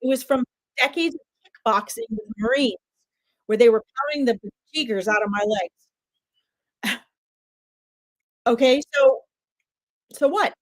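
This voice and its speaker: A woman's voice: high-pitched, unhurried, long pauses, dry recording, rough recording. A woman in her fifties, a medium giving chatty live readings straight to her viewers. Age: 50s.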